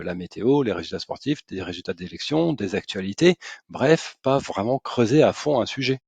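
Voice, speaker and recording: A man's voice: mid-range voice, darkish tone, no room sound. A man giving an ironic explainer monologue, sarcastic and hesitant with frequent fillers. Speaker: SEO and AI commentator.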